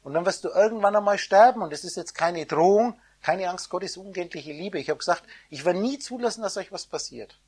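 A woman giving an esoteric sermon, preaching in the first person as God, her loudness swinging between soft and loud. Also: on the low side, animated, fairly quick, hardly any pauses, slightly rough. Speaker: spiritual teacher.

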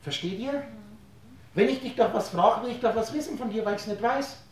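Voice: medium pitch, a little fast, slight background noise. A lecturer giving a spiritual talk to a live audience, posing rhetorical questions and playing with words, explaining through everyday analogies. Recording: very echoey room, voice distant from mic.

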